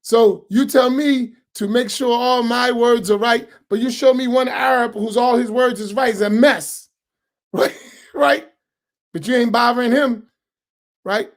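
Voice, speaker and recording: A man's voice: very high-pitched, steady tone, unhurried. A man, an imam, talking casually and animatedly on a live roundtable stream, joking and preaching in slangy everyday speech. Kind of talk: casual livestream talk.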